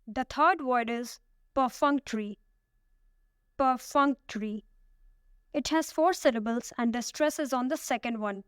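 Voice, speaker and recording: Woman with a smooth, crisp teaching voice. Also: fairly high pitch, no room sound, clean studio sound. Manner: slow, careful word-by-word pronunciation drills. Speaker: vocabulary teacher. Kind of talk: scripted vocabulary lesson.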